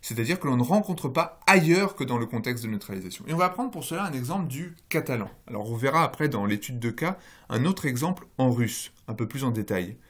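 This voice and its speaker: Lively-voiced man giving a lecture. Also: mid-range voice, brisk, hardly any pauses. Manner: explanatory, many fillers, rising emphasis on key terms. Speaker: linguistics lecturer. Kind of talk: recorded online lecture.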